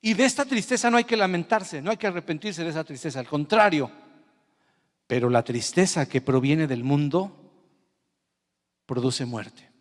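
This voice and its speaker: A man with a Mexican Spanish accent preaching a sermon as pastor, telling a story with emotion and moving from quiet to loud. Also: on the high side, animated, moderate pace, long pauses, in a large hall.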